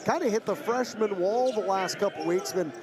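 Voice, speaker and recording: A man's voice: high voice, moderate pace. A man giving conversational, opinionated color analysis during live basketball commentary in an arena. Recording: crowd noise from basketball arena.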